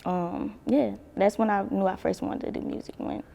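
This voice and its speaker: A young woman from Baton Rouge, Louisiana, with a gravelly, medium-pitched voice, speaks at a normal speed in a steady, dark tone that echoes as if in a big room. She's a singer appearing as an interview guest, chatting casually in a laid-back way, swearing freely and laughing often.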